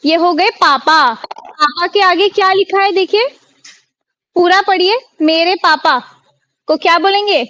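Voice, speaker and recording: Indian woman, online tutor, very high voice, dry sound, quizzing and repeating. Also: a little slow, pauses often, a bit bright, no room sound. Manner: quizzing students, repeating words. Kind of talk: live online class teaching. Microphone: video call.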